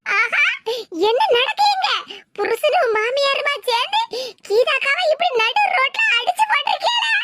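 A woman voicing a loud, meddling young village woman in a cartoon, with a Tirunelveli Tamil accent. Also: very high voice, very animated, normal speed, no room sound, studio quality, exaggerated voice. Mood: indignant. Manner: indignant and loud.

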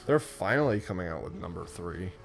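A man's voice: low-pitched, lively intonation, brisk, creaky, soft background music. A young man co-hosting a gaming video, chatting casually and joking with a friend while he plays. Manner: joking, laughs often, hums game tunes. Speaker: co-host of a gaming let's play. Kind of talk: casual gameplay chat.

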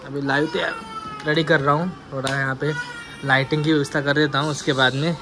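A man with a high, light voice chats through a casual home vlog, his carrying a lilt. He teases and laughs easily as he talks to the camera. A faint hiss sits under the recording. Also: fairly quick. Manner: teasing, animated, laughs often. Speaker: vlogger.

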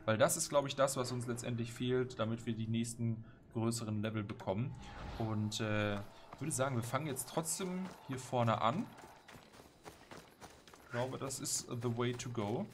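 A man's voice: mid-range voice, normal speed, faint music behind. A man giving casual, playful, slangy gameplay commentary, often talking to himself and the game. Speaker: let's player. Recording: clear background game noise. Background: game ambience.

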